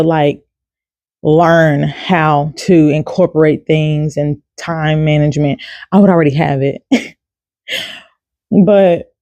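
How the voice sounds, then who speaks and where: Woman vlogger talking faith, relaxed and conversational, warm timbre, dry recording. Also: sits low, dry recording. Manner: chatty and informal, many fillers. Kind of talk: casual devotional talk to camera.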